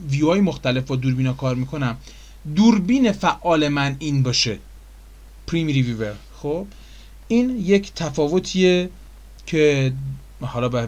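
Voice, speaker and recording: Chatty Persian man teaching software. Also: a little high. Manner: casual, chatty, with many fillers and asides. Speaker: software tutor. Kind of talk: screen-recorded software tutorial.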